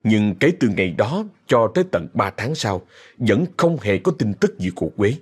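A man narrating a ghost story in a dramatic, expressive way. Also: on the low side, moderate pace, slightly rough.

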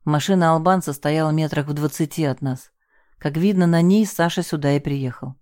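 A woman reading a first-person story aloud as an audiobook narrator, raising her voice for the shouted lines. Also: sits low, moderate pace, no room sound, studio quality.

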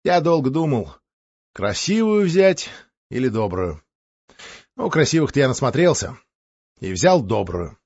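A man voicing a boisterous, boastful middle-aged count in an audiobook, talking loudly with laughter in his voice. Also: medium pitch, sing-song, a little slow, long pauses, slightly rough, no echo, lo-fi sound, exaggerated voice. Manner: loud, laughing, bragging. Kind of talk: audiobook character voice.

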